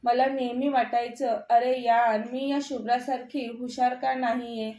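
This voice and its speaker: A woman's voice: on the high side, little pitch movement, measured pace, dark tone, lightly acted. A woman voicing a cheerful, eager young college student, in an echoey room. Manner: bubbly and eager.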